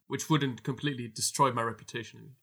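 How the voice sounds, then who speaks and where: Bright-voiced man playing a tabletop game. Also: medium pitch, steady tone, fairly quick, gravelly, breathy edge. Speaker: tabletop role-play player. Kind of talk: casual improvised game play.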